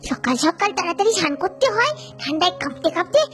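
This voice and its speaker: A woman's voice: very high-pitched, sing-song, fast talker. A woman voicing a sleepy, whiny young girl in a cartoon who complains about bathing in the cold. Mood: whiny, complaining. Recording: cartoon audio with children's music behind.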